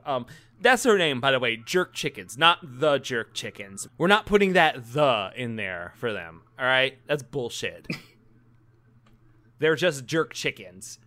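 A man's voice: medium pitch, sharp tone. A man co-hosting a comedy podcast, rambling and joking, laughing often and swearing casually. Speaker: podcast co-host.

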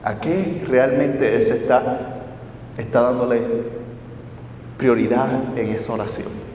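A man's voice: mid-range voice, steady tone, slow, darkish tone, a little hiss or hum. A man leads a Bible study class, breaking the lesson into steps and asking his listeners short questions as he goes. His voice comes from a distance in a big reverberant hall. The sound is somewhat muffled and lo-fi. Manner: explains step by step, asks listeners questions. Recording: roomy hall, distant mic, dull.

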